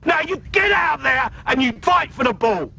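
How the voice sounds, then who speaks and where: A screaming touchline football dad. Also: male voice, very high-pitched, very animated, normal speed, gravelly, sharp tone, full character voice. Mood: furious shouting. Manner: bellowing insults, hectoring. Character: angry touchline football dad, middle-aged, abusive. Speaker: parent spectator in a campaign video. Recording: dull recording with outdoor ambience.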